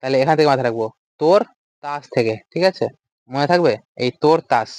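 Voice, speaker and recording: A man's voice: mid-range voice, quick pace, darkish tone, no room sound. A man teaching an English vocabulary lecture, explaining step by step and asking and answering his own questions. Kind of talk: recorded lecture.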